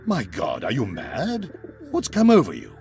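A gravelly, musing costume maker. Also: male voice, medium pitch, huge pitch swings, darkish tone, soft background music, full character voice. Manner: drawn-out, musing delivery with many hums. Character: eccentric costume maker, fussy and playful. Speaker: game character. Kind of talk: adventure game voice acting.

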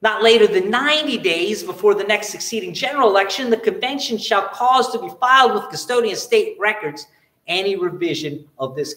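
A middle-aged man lectures on law with a faint New York accent. His voice sits fairly high and carries the echo of a roomy space. He talks in a chatty way, often wandering off topic with wry, self-mocking jokes. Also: fairly bright tone. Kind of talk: explanatory lecture with wry asides.

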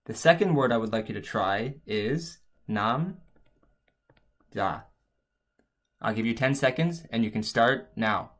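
A man's voice: mid-range voice, expressive, moderate pace, few pauses, fairly bright tone. A man narrating an instructional language lesson as a teacher, explaining things step by step.

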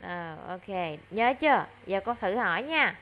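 A woman's voice: medium pitch, lively intonation, measured pace, lo-fi sound. A woman tutoring a child online, patient and coaxing, over a video call. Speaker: English tutor. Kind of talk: online one-on-one lesson.

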